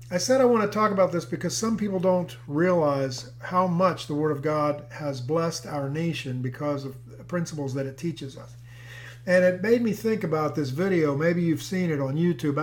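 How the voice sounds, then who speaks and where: A male pastor preaches in a relaxed, conversational way, drifting into an anecdote with easy fillers. His speaking voice sits fairly high for a man. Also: normal speed. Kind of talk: sermon.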